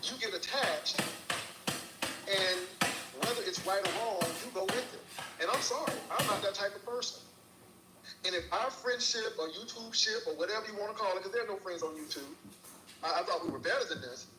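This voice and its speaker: A man's voice: high voice, a little fast. A man delivering a heated, preachy monologue to a rival, scolding her and repeating her name. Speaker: YouTuber in a clip. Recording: echoey room, far from the mic, faint hiss.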